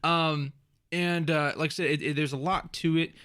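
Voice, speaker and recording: Guy on a podcast just chatting, bright voice, kinda rambly, dry sound. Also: fairly high pitch, steady tone, moderate pace, clean tone, dry recording. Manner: rambling, many fillers and restarts, laughs often. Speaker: podcast co-host. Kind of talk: casual chat.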